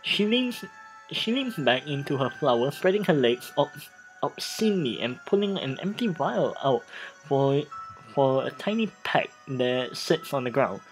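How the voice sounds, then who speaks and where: Reading game text dramatically, this let's play host sounds very animated and goes a little slow, tossing in asides and frequently restarting or repeating lines. Music plays in the background, the voice is mid-range, and the recording quality is low.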